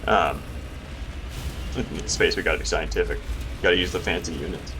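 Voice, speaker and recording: Over clear video game sound effects and vehicle noise, a deep-voiced man talks at a moderate pace as he plays. He's a gamer host offering casual commentary that is wry, explanatory and lightly joking.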